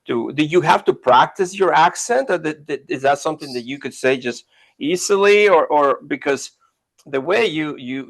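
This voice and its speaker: Halting man hosting a podcast interview. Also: medium pitch, fairly bright tone, low-quality recording. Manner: halting, many restarts and fillers. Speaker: podcast host. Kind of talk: interview chat.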